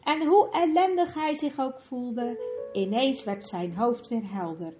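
A woman reading a children's storybook aloud in a steady, clear telling. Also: on the high side, a little slow, highs cut off. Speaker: audiobook narrator. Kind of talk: storybook narration. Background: faint music.

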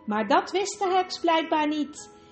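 A woman reading a children's storybook aloud in a steady, clear telling. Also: extremely high pitch, a little slow. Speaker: audiobook narrator. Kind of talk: storybook narration. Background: faint music.

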